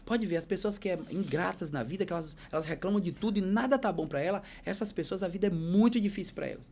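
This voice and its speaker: Podcast guest, man, fairly high yet mellow voice, emotional preacherly storyteller. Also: quick pace, vocal fry, a little hiss or hum. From Bahia, Brazil. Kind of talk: storytelling testimony.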